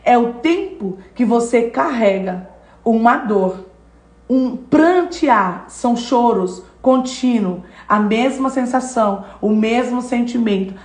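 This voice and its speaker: Woman preaching a devotional lesson, high voice, lots of repeating, echoey room. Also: expressive, slow pace, darkish tone. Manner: emphatic, repetitive phrasing; addresses listener directly. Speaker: devotional teacher.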